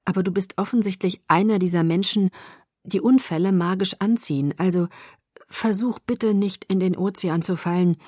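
A woman voicing a calm, secretive teenage boy in an audiobook, speaking softly and in a measured way. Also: mid-range voice, no echo, clean studio sound, close to an everyday voice. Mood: gently teasing. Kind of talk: audiobook dialogue.

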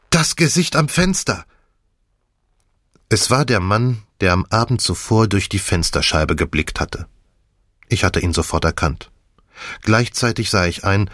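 A man narrating an audiobook in a measured, even reading. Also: low voice, dry recording, studio quality.

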